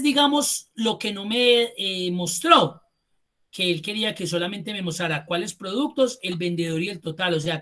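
A man's voice: high-pitched, bright, forceful tone. A man teaches a live class and walks students through each step with patience. He thinks aloud as he goes, restarting phrases and stretching out some words. He speaks to the students in a polite, formal way. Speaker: Excel instructor. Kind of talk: live online class walkthrough.

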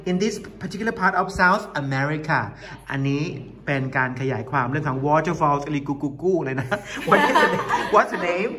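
A man with a Thai accent teaching an English class. His voice sits a little high, and he talks unhurriedly. He encourages the students warmly as he moves between English and Thai. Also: expressive, slow pace, hardly any pauses.

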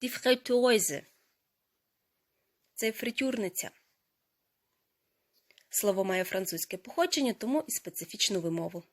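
A woman teaching a language lesson, explaining grammar step by step and saying each foreign word slowly and carefully. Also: mid-range voice, animated. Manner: slow, careful pronunciation of foreign words.

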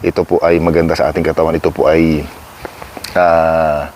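Man from the Philippines, deep voice, rambling self-mocking vlogger, clip-on mic outdoors with faint ambient hiss. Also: level tone, normal speed, darkish tone. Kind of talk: casual chatty vlog addressing viewers. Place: outdoor backyard. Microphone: clip-on microphone.

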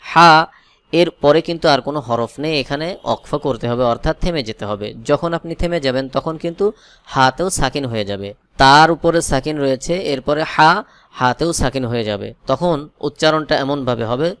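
A man teaching Quran reading letter by letter, explaining in a calm steady voice with slow chanted recitations between. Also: medium pitch, clean tone, no room sound. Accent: Bangladeshi Bengali. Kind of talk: spelling-out Quran recitation lesson.

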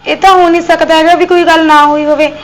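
An actress playing a worried young daughter-in-law with a Punjabi accent in a short film. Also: female voice, extremely high pitch, flat delivery, quick pace, a little hiss or hum. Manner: worried, questioning.

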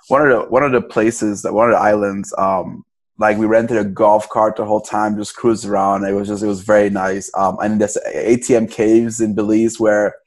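A man's voice: lowish voice, gravelly, darkish tone. A young man from Cameroon, a podcast guest, talking casually in a loose, rambling way with many restarts. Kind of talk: casual interview.

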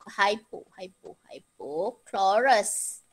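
A woman's voice: mid-range voice, expressive, extremely slow, husky, poor audio. A middle-aged woman with a Malaysian Malay accent teaching an informal online lesson, chatty, repeating points and mixing in English terms. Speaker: chemistry teacher. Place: indoors, on a video call.

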